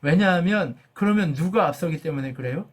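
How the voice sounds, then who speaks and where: A man's voice: on the high side, lively intonation, a little fast. A man preaching a sermon as a pastor. He asks the congregation questions, answers them himself, and acts out God's words with rising force.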